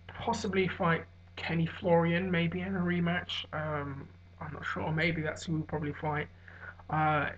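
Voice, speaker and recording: A hungover man giving a casual, rambling solo recap as a vlogger, musing and hesitant with trailing pauses. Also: fairly high pitch, a bit bright. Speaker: vlogger giving fight commentary. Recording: dull, lo-fi sound.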